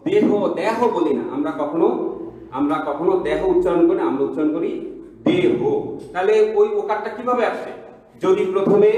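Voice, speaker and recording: A man's voice: high-pitched, darkish tone. Male college lecturer, patient step-by-step explainer, heavy room echo. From Bangladesh. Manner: repetitive, explains step by step with questions. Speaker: college teacher. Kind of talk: online class lecture. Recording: very echoey room.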